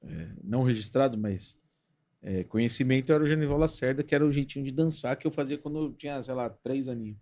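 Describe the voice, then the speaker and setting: A man as a podcast guest, telling stories in a relaxed, slangy way and laughing easily. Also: medium pitch, quick pace, no echo. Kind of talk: casual chat.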